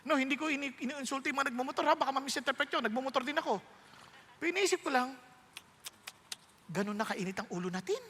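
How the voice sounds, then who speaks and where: A man with a Filipino accent preaching a conversational sermon, animated and joking as he moves between his own language and English. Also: extremely high pitch, fast talker, long pauses, a little hiss or hum. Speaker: pastor. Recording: reverberant hall.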